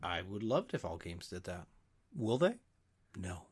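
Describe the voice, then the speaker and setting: A man's voice: low-pitched, big pitch swings, moderate pace. A man chiming in on a casual gaming podcast with dry, brief remarks. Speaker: podcast panelist.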